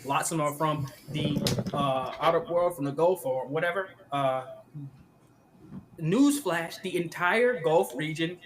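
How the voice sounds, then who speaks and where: A man co-hosting a live podcast, ranting in an animated way with frequent laughter and many restarts. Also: fairly high pitch, a little slow, noisy background. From United States. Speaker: podcast co-host.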